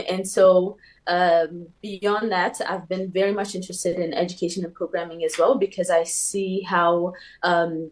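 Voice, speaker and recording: A young woman from Ethiopia, a panel guest, talking reflectively and with many pauses and fillers. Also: fairly low pitch, darkish tone, poor audio. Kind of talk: conversational panel talk.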